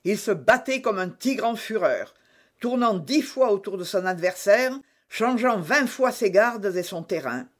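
A man narrating an adventure audiobook with expressive, dramatic storytelling. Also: sits high, a little slow.

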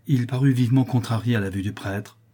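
A man's voice: medium pitch, steady tone, brisk, warm tone, husky. Man reading a dramatic novel aloud. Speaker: narrator. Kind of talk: audiobook narration.

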